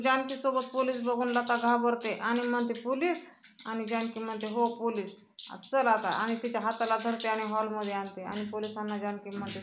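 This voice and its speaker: A woman's voice: on the high side, a little hiss or hum. A woman narrating a recap of a television serial episode, reading out the characters' lines with mild emphasis. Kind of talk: storytelling recap with voiced quotes.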